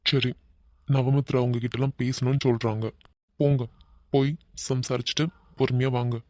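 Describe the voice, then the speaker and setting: A performer voicing an easygoing, teasing young man in a cartoon, with a Kanyakumari Tamil accent and a soft, coaxing way of talking. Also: mid-range voice, flat delivery, normal speed, dry recording, studio quality, close to an everyday voice. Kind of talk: cartoon voice acting.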